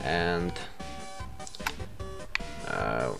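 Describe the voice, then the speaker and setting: Halting young man, slow-spoken. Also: very deep voice, sing-song, creaky, music in the background. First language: Slovak. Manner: halting, with frequent self-corrections. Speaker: YouTuber. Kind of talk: casual vlog talk.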